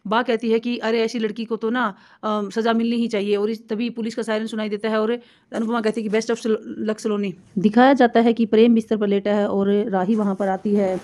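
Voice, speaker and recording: A woman hurries through a recap of a TV serial episode, one event after another, with fillers. Her voice is mellow and warm and her pitch stays flat. She talks fast. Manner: rapid, run-on retelling with fillers. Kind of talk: fast story recap narration.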